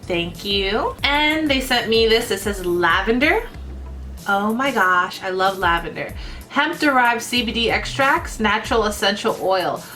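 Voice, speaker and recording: Excitable woman vlogger, gushing unboxing delivery, slow unhurried talk, faint music underneath. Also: medium pitch. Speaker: vlogger reviewing products. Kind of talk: casual unboxing vlog.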